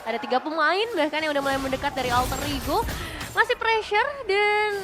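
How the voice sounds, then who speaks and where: Female Indonesian esports caster, high voice, conversational match commentary with music underneath. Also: lively intonation, a little fast. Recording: music behind the voice.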